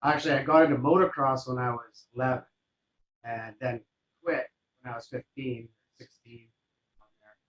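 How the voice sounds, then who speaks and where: A man's voice: mid-range voice, normal speed, long pauses, lo-fi sound. Rambling man telling his story. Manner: relaxed and rambling, with many fillers like "you know". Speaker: interview guest. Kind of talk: casual interview storytelling.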